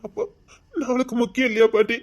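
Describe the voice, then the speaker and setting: A man's voice: extremely high pitch, fast talker. A heartbroken young Tirunelveli man. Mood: despairing. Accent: Tirunelveli Tamil. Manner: pleading, despairing. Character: heartbroken young man rejected by his bride. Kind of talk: village comedy drama acting.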